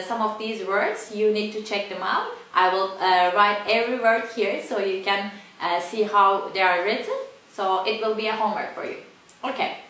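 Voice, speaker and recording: A woman with a Turkish accent, a native Turkish speaker, teaching pronunciation slowly, repeating each word with many fillers. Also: medium pitch, a bit bright. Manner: slow, repeats words, frequent fillers. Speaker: language teacher. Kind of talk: casual pronunciation lesson. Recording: echoey room.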